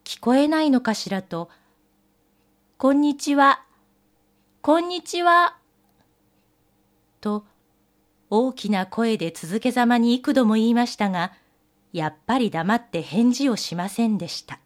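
A woman telling an old fairy tale in gentle storybook narration with old-fashioned polite phrasing. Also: fairly high pitch, animated, moderate pace.

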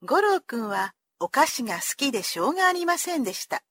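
A woman reading a classic children's story aloud in an expressive manner, giving the characters their own voices. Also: high-pitched, fairly quick, husky.

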